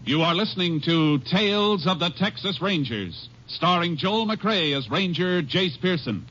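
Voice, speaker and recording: A man announcing a 1950s radio drama in a formal, measured way. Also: high-pitched, expressive, over loud music. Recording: dull lo-fi 1950s radio broadcast.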